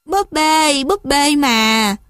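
A woman's voice: sits high, expressive, extremely slow, fairly bright tone, no echo, studio quality, voice pushed up, full character voice. A woman voicing a small frightened child who pleads tearfully in a storybook reading.

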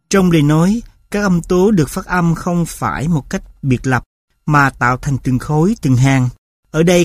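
A man reading a linguistics textbook aloud in a measured, even audiobook style, reciting examples in clipped rhythmic beats. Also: on the high side, no room sound, clean studio sound.

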